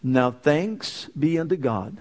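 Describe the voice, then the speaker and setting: A man's voice: a little high, expressive, slow pace. A man preaching a sermon as pastor, with emphatic repeated declarations.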